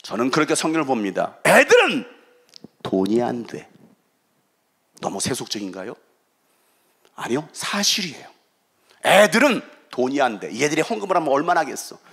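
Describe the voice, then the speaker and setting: A middle-aged man preaching a revival sermon as guest pastor, swinging between loud shouting and quiet asides and acting out quoted voices. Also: medium pitch, wildly swooping pitch, moderate pace, vocal fry, pauses often, breathy edge.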